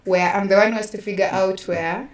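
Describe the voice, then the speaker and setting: A theatre producer with a Kenyan accent tells stories conversationally as an interview guest, acting out quoted remarks along the way. Her medium-pitched voice holds a steady tone at a fairly quick pace. A distant microphone gives the recording a roomy echo.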